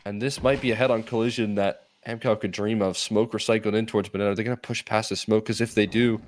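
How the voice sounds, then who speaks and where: A man giving live esports commentary and analysis as a co-caster, with animated, dramatic phrasing. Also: fairly low pitch, quick pace.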